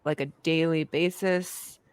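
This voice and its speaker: A woman co-hosting a podcast in casual chat, playful and quick to laugh. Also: sits low, fairly even intonation, clear, resonant tone, no room sound, clean studio sound. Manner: giggly, chatty, playful. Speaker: podcast co-host.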